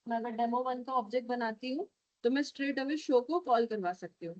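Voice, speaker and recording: A woman's voice: fairly high pitch, normal speed, a little mellow, no echo, muffled recording. A woman with an Indian accent, teaching a programming class while coding live and checking often that her students follow. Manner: switches between Hindi and English, coaxing with frequent checks.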